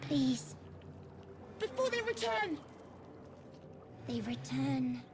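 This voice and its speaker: Game creature, eerie parasite in a host: very high, swooping, pleading to be freed, over noisy audio. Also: female voice, sing-song, heavily acted. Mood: desperate pleading. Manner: slow, halting pleading. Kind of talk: video game character acting.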